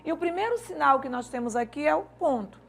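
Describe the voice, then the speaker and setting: Woman, language teacher, exam-prep lesson, slightly high voice, gravelly fry, explanatory, checks in with listeners. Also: animated, fairly quick, a bit bright. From Maranhão, Brazil. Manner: explanatory, uses rhetorical questions and checks like "certo?".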